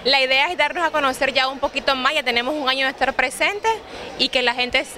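A woman in her thirties from a real estate agency, answering interview questions at a fair booth into a handheld mic in a steady, explanatory way. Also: high voice, fast talker, slight background noise. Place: exhibition booth at a trade fair. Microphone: handheld mic held by interviewer.

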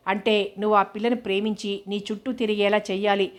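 A calm, firm middle-aged mother in a storybook reading, quiet and measured, as a woman narrator puts her on. Her voice keeps a flat, even line. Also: mid-range voice, natural voice.

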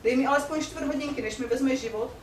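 A woman's voice: sits high, slight background noise, lightly acted. A woman reading a frightened young wife. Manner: fearful, pleading. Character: frightened young wife pleading for her life. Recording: roomy hall from a distance.

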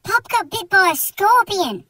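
A man's voice: very high-pitched, lively intonation, pushed and bright, dry recording, studio quality, heavily acted. A man playing a naive, innocent young man in a comedy skit, earnest and gushing. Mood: awed. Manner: earnest, gushing, slow wide-eyed delivery. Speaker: comedy sketch character.

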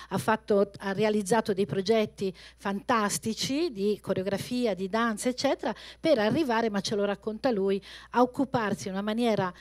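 A woman's voice: medium pitch, darkish tone. A middle-aged woman giving a spontaneous introduction on stage into a handheld microphone, searching for words and rephrasing. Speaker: event host introducing a speaker. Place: theatre stage.

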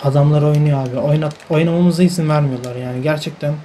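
A man's voice: fairly high pitch, steady tone, fast, mellow, a little hiss or hum, rough recording. Grumbling man commentating his football game. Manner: frustrated, grumbling and repeating himself. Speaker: gamer playing a football video game. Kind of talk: live gameplay commentary.

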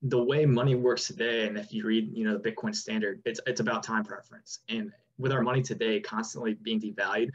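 A man's voice: fairly low pitch, a little fast, hardly any pauses, husky. Young man on a muffled call line. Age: 20s. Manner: relaxed, lots of "like" and "you know". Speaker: guest. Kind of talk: casual video-call interview. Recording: dull lo-fi video-call audio.

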